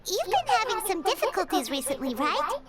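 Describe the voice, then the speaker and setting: A woman voicing a tiny, excitable female companion sprite in a video game, chirpy and full of exclamations, heard over the game's music. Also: very high voice, brisk, exaggerated voice.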